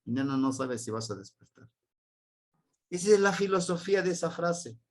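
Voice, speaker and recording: A man with a Mexican Spanish accent teaching a language class, repeating words slowly and quizzing his students. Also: on the high side, expressive. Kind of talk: classroom grammar lesson.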